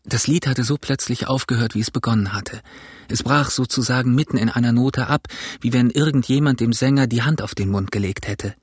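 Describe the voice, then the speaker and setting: A man reading a novel aloud as narrator, in a steady, measured storytelling manner. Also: mid-range voice, slightly rough, dry recording, clean studio sound. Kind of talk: audiobook reading.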